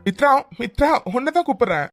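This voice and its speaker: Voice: medium pitch, lively intonation, fast talker, dry recording, studio quality, faint music behind, close to an everyday voice. A performer voicing a supportive young man in a cartoon, reassuring and soothing. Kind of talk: cartoon voice acting.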